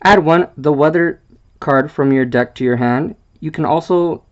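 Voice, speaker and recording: A man presenting a card game deck, reading the card text aloud in a halting way, stumbling over wordings and filling gaps with "uh". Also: fairly high pitch, highs cut off.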